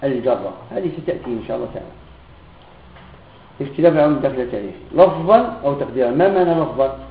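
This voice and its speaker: A man teaching a classroom grammar lesson who often checks that his students follow and repeats example phrases slowly. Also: medium pitch, lively intonation. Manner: keeps checking students' understanding with questions. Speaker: Islamic teacher. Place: room with students present. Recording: echoey, tinny lo-fi recording.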